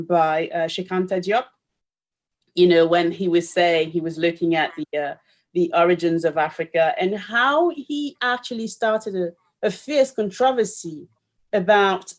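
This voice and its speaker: A woman historian and author from Cameroon, raised in Paris, speaks in a fairly low, raised voice during a conversational discussion. She is thoughtful, searching for her words and leaning on fillers.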